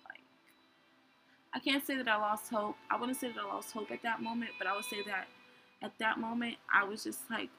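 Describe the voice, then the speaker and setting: A woman's voice: fairly high pitch, fairly even intonation, a little fast, creaky, background noise. A young woman hosting a show, telling her own story candidly in a rambling way with many fillers. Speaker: podcast host. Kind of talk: personal storytelling.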